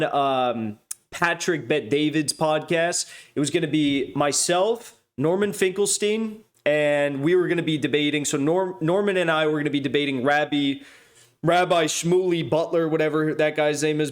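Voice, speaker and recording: A man's voice: fairly high pitch, moderate pace. A man hosting a livestream news show, talking off the cuff in a rambling, sardonic way with mocking asides. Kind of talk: casual off-the-cuff monologue.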